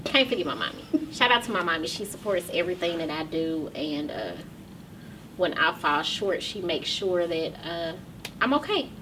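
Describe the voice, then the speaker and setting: A woman's voice: fairly low pitch, animated, moderate pace, sharp tone, recorded from a distance, a little hiss or hum. A woman hosting her own podcast and talk show, speaking casually to viewers in a loose, chatty way with many ums, close to tears.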